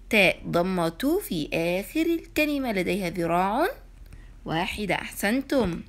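A woman teaching kindergarten children in an online lesson, encouraging and asking questions, answering them herself and drawing out syllables slowly. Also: medium pitch, fairly bright tone. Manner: slow, drawn-out syllables when sounding out words. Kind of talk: e-learning lesson for young children.

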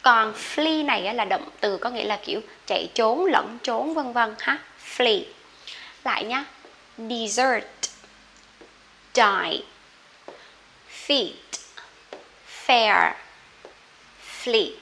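A woman with a Vietnamese accent runs a friendly vocabulary lesson, talking to viewers directly. Her voice is bright and slightly high. She says each word over and over for them to repeat, with light noise behind her. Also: lively intonation, slow pace, gravelly, long pauses. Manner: chatty, addresses viewers, repeats words for drilling. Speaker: English teacher.

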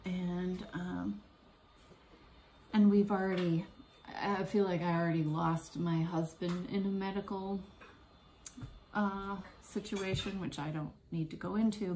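Woman telling a story haltingly. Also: on the low side, a little mellow, a little hiss or hum, low-quality recording. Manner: halting, emotional, stops to collect herself. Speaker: podcast host. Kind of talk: heartfelt personal storytelling.

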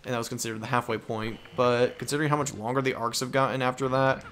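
This young adult man is a fast talker, keeping a level, medium-pitched tone as he gives casual, meandering commentary on a video game. Game music plays behind him as he hosts his let's play, with slight background noise.

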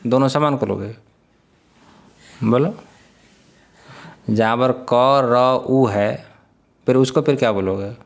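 A male spiritual teacher giving a scripture class, often putting questions to his listeners, chuckling and sounding out syllables slowly. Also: mid-range voice, vocal fry. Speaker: Vedanta teacher.

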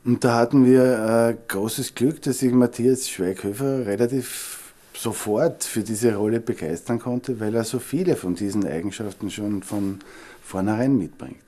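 A middle-aged man explaining a film character in an interview, in a measured way. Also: fairly low pitch, warm tone. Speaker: filmmaker in an interview. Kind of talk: making-of interview.

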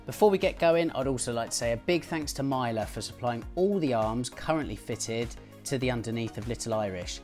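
A man's voice: medium pitch, lively intonation, brisk, few pauses, darkish tone. Young upbeat male host, car channel narration with faint music bed. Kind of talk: car video narration and interviewing.

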